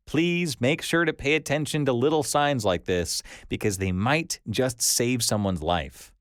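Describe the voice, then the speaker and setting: A man reads collected stories aloud for his channel in a scripted narration style. His pitch swings widely as he tells them, keeping the delivery animated. The sound is dry and close, with no room around it. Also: no room sound. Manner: animated storytelling read-aloud.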